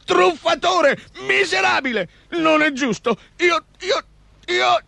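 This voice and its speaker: A greedy, hot-tempered ogre from a storybook. He shrieks and blusters in a squeaky, gravelly voice that leaps all over the place. The recording is dry and close. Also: sing-song, moderate pace, bright, forceful tone, dry recording, exaggerated voice. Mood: furious.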